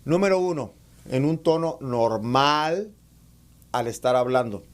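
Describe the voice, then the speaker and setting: A man giving an online class on public speaking to preachers, calling them brothers, reading comments and demonstrating raised and lowered voice. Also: expressive, a little slow. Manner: addresses listeners as brothers, reads out chat comments; demonstrates shouting and lowering his voice. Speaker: preaching instructor.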